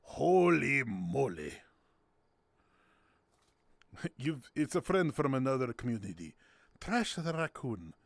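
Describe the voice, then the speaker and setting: A man's voice: mid-range voice, very animated, slow, long pauses, no echo. A man hosting a casual game night on his stream, playful and giggly, tossing in silly sound words. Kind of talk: casual gameplay commentary.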